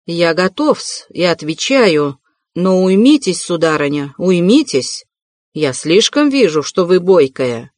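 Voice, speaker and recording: Чопорный, напыщенный господин средних лет, которого читает женщина, говорит натянуто и церемонно. Запись сухая, близкая. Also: female voice, on the low side, very animated, slow, a little mellow, no room sound, studio quality. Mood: haughty. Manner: stiff, formal, flustered. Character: pompous, prim middle-aged man. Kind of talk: audiobook reading.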